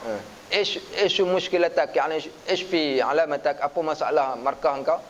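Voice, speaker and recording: A man's voice: fairly high pitch, normal speed, natural voice. A man voicing a stern older male Syrian sheikh lecturer who asks brusque, scolding questions. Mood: questioning. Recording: dull lo-fi recording with faint hiss.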